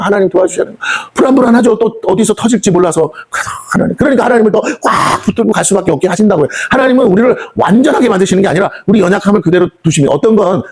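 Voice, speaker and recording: A man's voice: sits high, a little mellow, husky. A middle-aged man preaching at a prayer meeting in a conversational way, often putting questions to the congregation and acting out what other people say. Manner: conversational, asks the congregation questions and acts out quoted speech. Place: prayer house hall.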